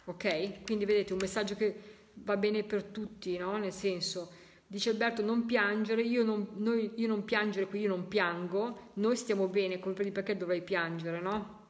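A woman leading a live spirit-voice session, talking casually and slowly repeating the messages she hears. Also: medium pitch, steady tone. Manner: slow, drawn-out repeating of heard messages. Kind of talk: live stream commentary.

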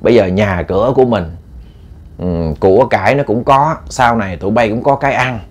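A man's voice: on the low side, fairly quick, breathy edge. A man voicing a scolding sick old mother. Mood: stern. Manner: blunt scolding, rambling.

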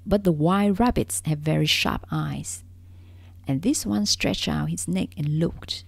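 A woman storyteller reading a soothing bedtime story in a soft, hushed, half-whispered voice. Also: deep voice, unhurried, gravelly, no room sound.

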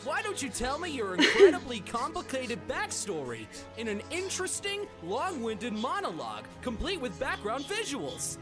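A woman's voice: high voice, huge pitch swings, normal speed, few pauses, music in the background. A woman voicing a cocky, goofy young male hedgehog in a comedic fan dub, smug and playful.

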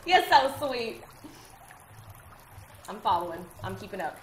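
A woman's voice: mid-range voice, very animated, unhurried, roomy sound, a little hiss or hum. A woman streaming a survival game with her partner, chatting casually and thanking viewers with bubbly, jumpy exclamations. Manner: bubbly, reads donations aloud, jumpy exclamations. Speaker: gaming streamer. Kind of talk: casual let's-play chat.

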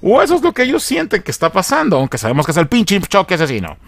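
A man giving a slangy, animated recap of a TV episode, acting out the lines in different voices. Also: high voice, fast talker, gravelly, no room sound. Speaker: video reviewer.

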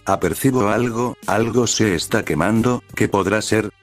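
Man voicing a fiery protective older sister, low, dry, faint music under. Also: normal speed, natural voice. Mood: angry. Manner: angry, shouting, scolding. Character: hot-tempered protective older sister, brash woman.

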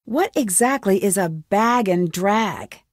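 Speaking slowly but with animation, the American woman voicing the game's protagonist, a determined young amateur detective, keeps a medium pitch. The studio sound is clean and echo-free, and her businesslike, curious delivery is assertive, questioning and clearly enunciated.

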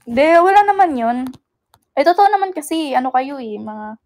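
A woman's voice: high voice, lively intonation, moderate pace, darkish tone. A young woman from the Philippines hosting an idol livestream, chatting casually with viewers, teasing them playfully and mixing in English, laughing often.

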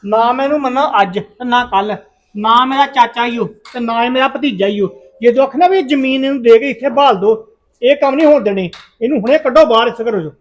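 A man's voice: very high-pitched, moderate pace, a bit bright. A man with a Punjabi accent playing a resentful grown son who demands the other be thrown out. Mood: hostile. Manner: blunt, demanding.

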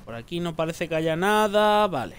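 Muttering gaming streamer. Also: male voice, fairly high pitch, lively intonation, normal speed, clean tone. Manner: muttering to himself, joking, swearing. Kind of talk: casual gameplay commentary.

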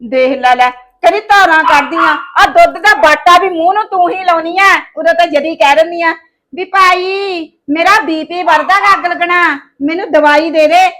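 A woman's voice: high-pitched, normal speed, a bit bright. A woman, playing a scheming daughter-in-law who scolds and wheedles in a village family drama. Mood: angry. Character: sharp-tongued scheming young daughter-in-law.

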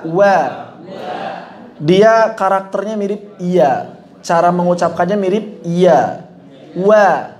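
A man teaching tajwid to a live class, demonstrating letter sounds slowly and repeating them for students to copy. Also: high-pitched, a little mellow. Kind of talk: live classroom lesson on Quranic letter pronunciation. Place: training hall, in front of a class.

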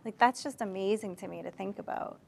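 A woman's voice: medium pitch, fairly quick, vocal fry, a little mellow, husky. A woman, hosting an interview in an informal, chatty way. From Cape Cod, Massachusetts. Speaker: talk show host. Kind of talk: conversational interviewing. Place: indoor studio set lined with bookshelves.

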